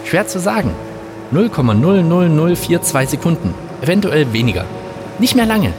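A man voicing a formless blob spirit of the afterlife, calm and knowing, speaking high and lightly amused. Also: normal speed, over music. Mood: matter-of-fact.

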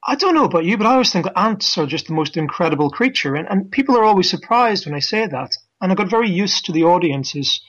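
Higher-pitched chatty male science presenter on phone. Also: expressive, quick pace, few pauses, fairly bright tone, slightly rough. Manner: chatty, enthusiastic explaining. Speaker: science presenter and comedy night organiser. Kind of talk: casual phone interview. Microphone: telephone. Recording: dull phone line.

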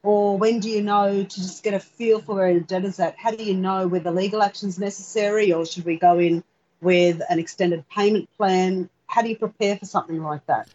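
A woman's voice: medium pitch, fairly even intonation, brisk, a little mellow. Inquisitive woman interviewer, muffled lo-fi recording, faint hiss behind. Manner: inquisitive, agreeable. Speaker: host. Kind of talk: podcast interview questions.

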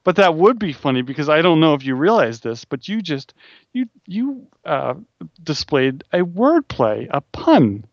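A man's voice: on the high side, sing-song, measured pace, no room sound, muffled recording. A man co-hosting a podcast, casually chatting about music with dry, mock-serious teasing. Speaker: podcast co-host.

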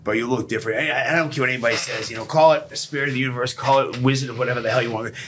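A man's voice: medium pitch, steady tone, racing, a bit bright, a little hiss or hum. A man hosting a casual podcast conversation about recovery, blunt and emphatic, swearing freely. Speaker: podcast host.

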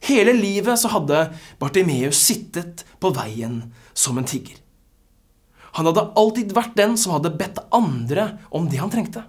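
Husky preacher with dramatic hushed endings. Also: medium pitch, sing-song. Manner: dramatic dynamics, drops to near-whispers at phrase ends. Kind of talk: sermon.

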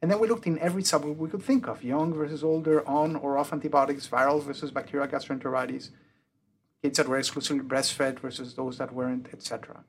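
A man's voice: mid-range voice, fast, slight background noise. Man with a French-Mexican accent explaining. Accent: mixed French and Mexican Spanish. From born in the UK, grew up in Mexico. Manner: methodical, lists points in a steady explanatory way. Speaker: pediatric emergency physician, interviewee. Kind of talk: explanatory interview answers.

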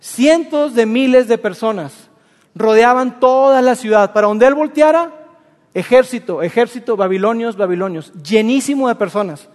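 A preacher retells a story in a lively, colloquial way. His voice sits high for a man. Long reverb from the hall hangs after his words. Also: normal speed. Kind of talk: sermon storytelling.

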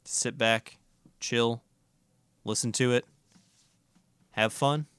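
A man's voice: medium pitch, steady tone, drawn-out words, a bit bright, smooth, dry recording. A man hosting a casual music podcast, reviewing records in an enthusiastic, profane, rambling way.

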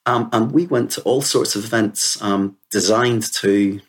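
As an interview guest, this Northern Irish man in his fifties reflects on his life, telling personal stories earnestly and conversationally with frequent "you know"s. He speaks unhurriedly in a lowish, slightly rough voice.

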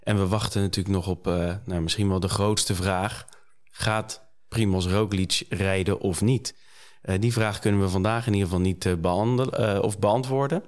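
A man's voice: deep voice, fairly even intonation, moderate pace, hardly any pauses, darkish tone. A Dutch man hosting a casual podcast, talking with many fillers and restarts. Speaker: podcast host.

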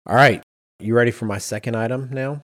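Speaking a little fast in a mid-range voice with a fairly bright tone, this middle-aged man co-hosts a podcast, sharing stories drawn from his research casually and with personal asides. The recording is studio quality, with no echo.

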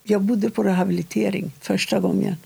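A woman with a deeply gravelly, fry-laden voice and a husky edge, recounting a personal story for an interviewer. She speaks in a halting, measured way, with short pauses between phrases. The sound is close and dry. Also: steady tone, warm tone, no room sound.

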